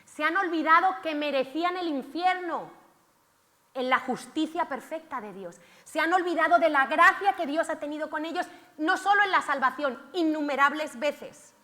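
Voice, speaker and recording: A woman preacher with a high, bright voice delivers a dramatic sermon. She acts out cries aloud, and her voice carries with a long reverb in a church hall. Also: moderate pace. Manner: theatrical, shouts out acted cries of the lepers.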